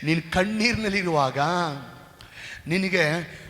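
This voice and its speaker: A man preaches a live sermon in a high, ringing voice. He repeats each phrase and builds to shouted exhortations. The church hall rings with a long echo. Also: slow. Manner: repetitive, rising to shouted exhortation. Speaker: pastor.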